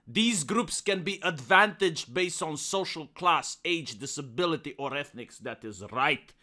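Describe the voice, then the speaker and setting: Hammy, theatrical young man, high-pitched and forceful. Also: lively intonation, measured pace. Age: young adult. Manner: hammy stage-actor delivery, theatrical and pompous; swings between hushed reading and loud declaiming. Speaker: comedic narrator. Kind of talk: dramatic reading with satirical commentary.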